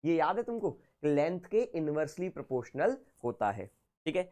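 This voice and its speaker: Male physics teacher, hoarse throat, lively up-and-down delivery, casual live online class. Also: fairly high pitch, moderate pace. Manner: casual, chatty, talks to students informally.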